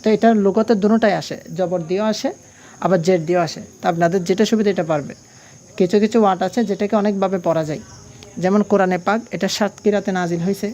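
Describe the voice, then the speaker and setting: A woman's voice: medium pitch, fairly even intonation, fast talker, warm tone. A woman teaching an online language class. She patiently spells out letters and vowel marks, and she asks her students questions and then answers them herself.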